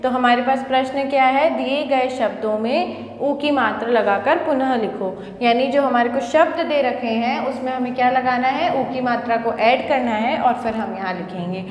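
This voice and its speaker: Woman teacher, high voice, slow and patient, echoey room with long reverb. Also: a little hiss or hum. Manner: slow, patient, sounding out syllables; asks and answers her own questions. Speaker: school teacher. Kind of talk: online lesson for young children.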